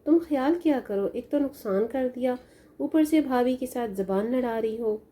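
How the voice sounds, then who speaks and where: A stern adult brother in a spoken storybook scolds his sister with reproach, voiced by a woman reader. The sound stays mellow and dark, a little high for a man. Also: lively intonation, normal speed, lightly acted. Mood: reproachful.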